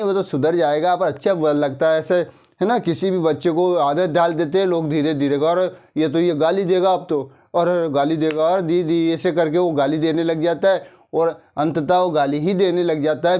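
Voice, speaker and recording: A male English teacher from India, with a fairly high, steady, slightly mellow voice, leads a grammar lesson in a casual style. He works in a moral story, checks on his listeners again and again with repeated tag questions, and dictates at a slower pace.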